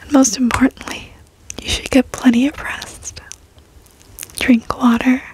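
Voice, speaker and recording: A young woman delivers a whispered pep talk close to the microphone, gently and reassuringly. Her voice is breathy and airy, with very little rise and fall, and she takes her time over each short affirmation. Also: high voice, low-quality recording. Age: young adult. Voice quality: soft, breathy, unvoiced whisper. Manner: slow, reassuring, gentle encouragement. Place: bedroom, indoors. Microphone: close desk microphone.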